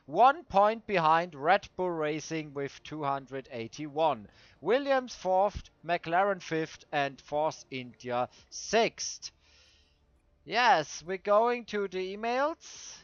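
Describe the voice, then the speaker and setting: A man with a Swiss German accent, a native German speaker, hosting casual gameplay commentary and searching for his words in halting English. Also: high voice, a bit bright, smooth, no room sound. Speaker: host of a racing game video series. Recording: dull lo-fi dry microphone.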